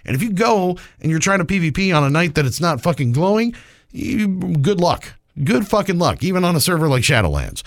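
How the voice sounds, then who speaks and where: A fired-up man rants on a gaming podcast, his fairly high voice swinging wildly up and down as he swears through every complaint. The sound is dry and close, with no room around it. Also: big pitch swings, brisk, no room sound. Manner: angry, swearing, ranting. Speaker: podcast co-host. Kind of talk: casual gaming podcast rant.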